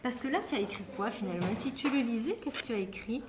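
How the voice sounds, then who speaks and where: High-voiced woman gently questioning pupils. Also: noisy background. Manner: gentle questioning, slow careful explanations. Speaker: kindergarten teacher. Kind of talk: classroom instruction with young children. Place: kindergarten classroom.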